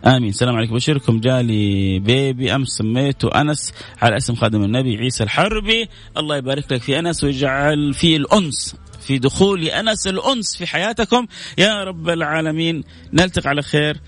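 Fast-talking male host reading viewer greetings. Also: mid-range voice, lively intonation. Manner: warm blessings, quick lists of names, playful asides. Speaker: live religious program host. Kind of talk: live broadcast reading viewer greetings and prayers.

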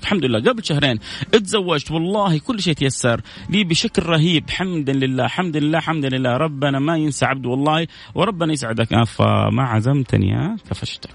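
A man's voice: a little high, rapid-fire. A man hosting a live stream, reading viewer messages and answering with blessings, prayers and light jokes. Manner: warm, preachy, heaps blessings, jokes with viewers. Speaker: host reading viewer comments.

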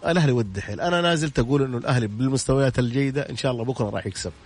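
A man's voice: mid-range voice, rapid-fire. A man talking as a football pundit on a radio sports show, insisting on his points and repeating them. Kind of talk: casual radio sports talk.

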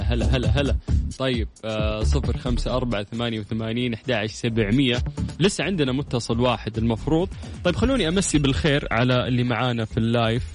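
A man hosting a live call-in radio show, greeting listeners and chatting with callers. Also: mid-range voice. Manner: warm greetings, quick lively banter with callers. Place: radio studio.

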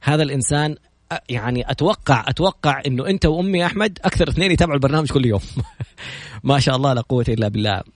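A man hosting a podcast in a casual talk style, reciting prayers and then telling stories in a lively, chatty way. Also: medium pitch, no echo. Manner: opens with recited prayers, then brisk storytelling; lively and chatty, jokes with the guest. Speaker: podcast host. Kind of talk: casual talk show introducing a guest.

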